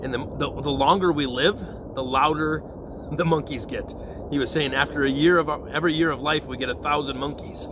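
A man's voice: a little high, fairly even intonation, a little fast, noisy background. A man, a parish priest, giving an informal evening prayer reflection in a conversational way, often checking in with his listeners. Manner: conversational, often checks in with "okay?" and "all right?".

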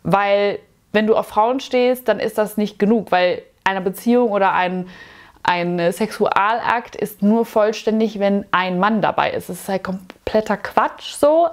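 A woman in her thirties giving a casual, opinionated reaction commentary with sarcastic asides, recorded indoors in a small dim room on a clip-on mic. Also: mid-range voice. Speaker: YouTube commentator.

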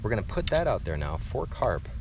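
An American angler in his thirties presents a casual fishing how-to by a river, recorded on an action camera set a short distance away. His fairly quick, lowish voice swings widely in pitch, and the outdoor camera audio is noisy.

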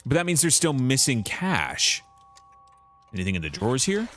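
A male streamer plays a detective game live and talks through the clues as he goes. His voice sits at an ordinary pitch but swings up and down a lot, and he breaks off and restarts his sentences often while thinking aloud. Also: huge pitch swings, moderate pace, a bit bright, faint music behind.

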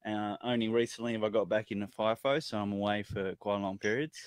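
A man in his thirties with an Australian accent chats in a laid-back, blokey way as a guest on a chilli challenge livestream, joining by video call from indoors at home. His voice is fairly low, steady, and clean, with a brisk pace and no echo.

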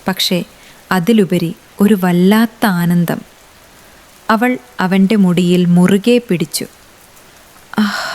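A woman with a mid-range, darkish voice reads a romance story as scripted narration. Her delivery is measured and unhurried.

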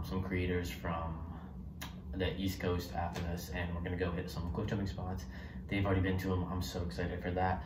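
With background noise around him, a young urban explorer carries a handheld camera through a big abandoned church, vlogging casually. His voice is low-pitched, and he rambles in a laid-back way, leaning on fillers like "um" and "you know."

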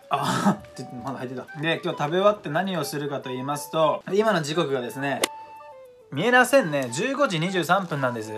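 A young man, chatting excitably and casually while cooking at home for his vlog. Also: a little high. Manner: excitable, chatty, exclaims often. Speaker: vlogger. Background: background music.

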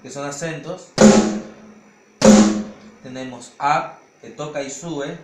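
A percussion teacher from Argentina gives a hands-on drum technique lesson, explaining step by step and counting beats aloud. His voice is a little high and steady, and he takes it slowly over loud drumming in an echoey room.

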